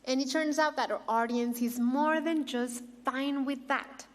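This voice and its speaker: There's a long big-hall reverb as a middle-aged woman with a Mexican accent hosts an awards ceremony from a prepared speech, tossing in playful asides. Her voice is high and steady, and her pace is a little slow.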